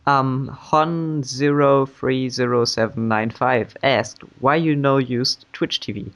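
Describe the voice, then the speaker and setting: A man's voice: medium pitch, steady tone, slow pace, fairly bright tone. A man hosting an interview, reading out viewer questions and stumbling over usernames. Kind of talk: livestream interview. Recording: dull lo-fi audio.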